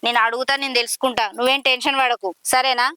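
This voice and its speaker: A woman's voice: high voice, steady tone, quick pace, pushed and bright, clear, resonant tone, no room sound. A woman playing a scolding village mother. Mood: worried. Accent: Telangana Telugu. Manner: scolding, fussing, reassuring. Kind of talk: village drama acting.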